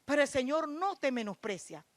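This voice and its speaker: High-voiced woman preaching a fervent sermon. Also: big pitch swings, a little fast, dry recording. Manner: fervent, rising to emphatic declarations; asks and answers rhetorical questions. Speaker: deaconess preaching.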